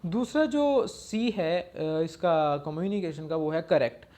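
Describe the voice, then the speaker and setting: A man's voice: on the high side, unhurried, darkish tone. A man explaining an exam-prep lesson step by step, often checking in with a short "okay" and reading slide lines out in English. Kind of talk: slide-based lecture.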